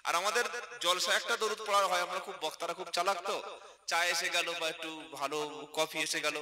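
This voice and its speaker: Bengali preacher, male, West Bengal accent; sharp, bright tone; echoey mic at a religious gathering. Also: sits high, fairly even intonation, fast talker. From India. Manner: chanted Arabic verses between conversational asides to the crowd. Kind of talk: sermon. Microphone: PA microphone.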